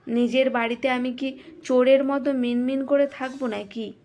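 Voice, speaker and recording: This is a loud, defiant village housewife in a storybook tale who boasts of her family's pride, as a woman reads her lines. She cannot whisper, and everything she says comes out brash and full of herself. Her voice sits fairly high. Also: fairly even intonation, normal speed.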